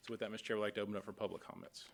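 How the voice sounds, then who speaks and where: Man, county planning staff, formal report, quick delivery, low-ish pitch. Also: creaky. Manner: steady, procedural, reads from a report. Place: county meeting room.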